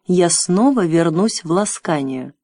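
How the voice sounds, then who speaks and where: A woman's voice: lowish voice, a little slow, no room sound. A woman playing a brave polite boy. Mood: firm. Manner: calm, firm and polite. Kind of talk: audiobook character voice.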